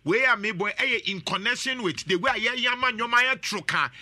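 Bright-voiced man, animated host. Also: very high voice, fairly quick. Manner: animated, laughs often. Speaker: talk show host. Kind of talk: casual commentary mixing Twi and English.

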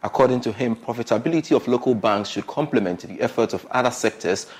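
A man presenting business news, reading a script in a crisp bulletin style. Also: medium pitch, fast talker.

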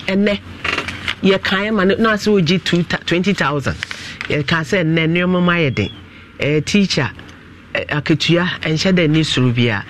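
A man with a Ghanaian accent, a pastor questioning family members in a dispute in an animated, coaxing manner. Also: a little high, a little hiss or hum. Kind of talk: mediating a family dispute on a broadcast.

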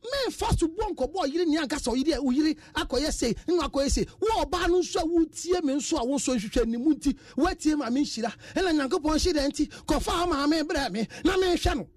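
A loud Ghanaian man argues on a radio panel, switching between English and Twi. His voice sits high and jumps around a lot in pitch. He sounds set back from the microphone. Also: lively intonation, normal speed, hardly any pauses, no echo, recorded from a distance. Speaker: counselor panelist. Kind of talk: heated radio panel debate.

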